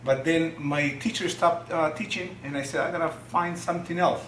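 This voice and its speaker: Halting man with a Chilean accent. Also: on the high side, fairly even intonation, a bit bright, reverberant, slight background noise, rough recording. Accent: Chilean Spanish. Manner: halting, many restarts and fillers. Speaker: guest, martial artist. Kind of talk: casual interview.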